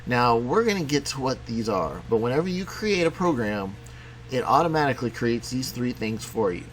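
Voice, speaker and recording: A man teaching a programming lesson in a casual, conversational way, talking as he clicks through software. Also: medium pitch, big pitch swings, moderate pace, slight background noise. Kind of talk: screen-recorded coding tutorial.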